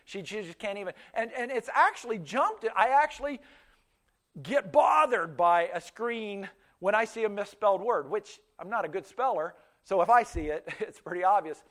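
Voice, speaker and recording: A man in his fifties, a pastor raised speaking Pennsylvania Dutch, preaches with a high, expressive, somewhat bright voice at a moderate pace. His conversational storytelling is dotted with restarts and repeated words.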